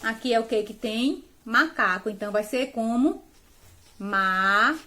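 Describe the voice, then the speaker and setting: Patient Brazilian teacher, higher-pitched woman. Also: normal speed, bright, forceful tone. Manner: patient, explaining step by step with frequent "tá?" and "tá vendo?"; affectionate, uses diminutives. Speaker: primary school teacher. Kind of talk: remote lesson instructions to parents and children.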